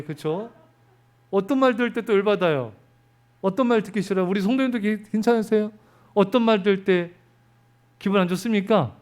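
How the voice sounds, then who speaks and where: A man's voice: high voice, darkish tone. A man preaching a sermon as pastor, talking with his congregation and putting questions to them. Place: church sanctuary.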